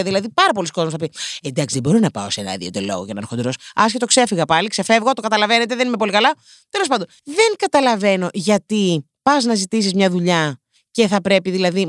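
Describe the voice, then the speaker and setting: A woman's voice: medium pitch, no echo, studio quality. Woman ranting sarcastically on a podcast. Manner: animated, sarcastic, swears casually; self-mocking, addresses listeners directly. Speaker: podcast host. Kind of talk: comedic podcast rant.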